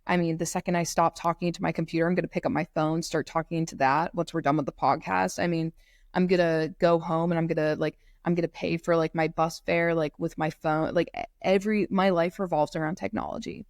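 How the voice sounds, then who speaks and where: This twenty-something law student from North Carolina speaks in a low voice with fairly even intonation and a fairly quick pace. The recording is dry and studio quality, though she's on a computer mic via remote call, chatting casually as a podcast guest and filling her rambling with "like."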